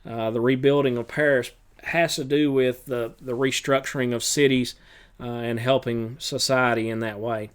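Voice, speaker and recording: A man with a clear, smooth voice at a middle pitch, talking as a teacher reviewing for a test. He speaks in a relaxed, unhurried way and fills pauses with uhs and ums. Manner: relaxed, with many filler uhs. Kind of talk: recorded review lesson.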